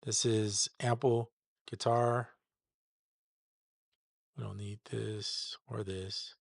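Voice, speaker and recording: A man's voice: fairly low pitch, little pitch movement, drawn-out words, creaky, dry recording, studio quality. A man hosting a live stream, chatting casually while he demonstrates a mix. He is easygoing, stumbles over names and repeats them as he works them out.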